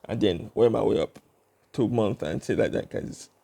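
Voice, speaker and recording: A young man vlogging alone to his channel, his voice dark and mellow with a gravelly rasp at the edges. He rambles through fillers and restarts. He tries to keep his pace slow and deliberate. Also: fairly low pitch. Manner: working to speak slowly and deliberately. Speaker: YouTube vlogger. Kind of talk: casual vlog monologue.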